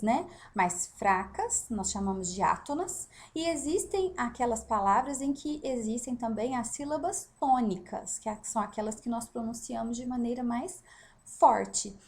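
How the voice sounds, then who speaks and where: A woman's voice: on the high side, a little mellow. A female Brazilian Portuguese teacher giving a recorded lesson, explaining step by step with rhetorical questions and checks for understanding.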